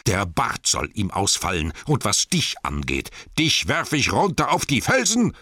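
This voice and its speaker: A man's voice: on the low side, very animated, normal speed, a bit bright, dry recording, voice pushed up. A man voicing a proud, furious male dwarf king in an audiobook, bellowing and commanding, with a dry close sound. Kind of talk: audiobook character voice.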